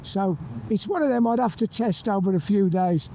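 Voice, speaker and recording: Riding outdoors on open roads, a male motorcycle reviewer chats enthusiastically in a high-sitting, mellow voice at normal speed, giving ride-along commentary on the bike. His helmet intercom mic carries faint road noise from wind and engine.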